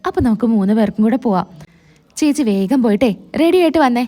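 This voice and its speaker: A gentle, coaxing sister-in-law, read by a woman, high and mellow-toned. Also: expressive, fast, lightly acted. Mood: soothing. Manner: soothing, coaxing. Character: caring younger sister-in-law, soothing.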